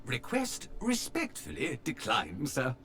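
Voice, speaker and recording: Chipworth, a fawning butler robot. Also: male voice, medium pitch, huge pitch swings, slow, vocal fry, a bit bright, full character voice. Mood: polite, deferential. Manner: obsequious, addresses master in third person as sir. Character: polite, fawning male butler robot, formal. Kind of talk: video game voice acting.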